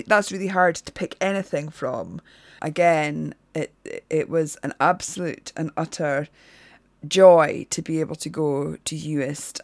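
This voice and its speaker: A woman's voice: deep voice, no room sound. A woman with a Shetland accent, hosting and chatting reflectively to her listeners. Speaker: podcast host.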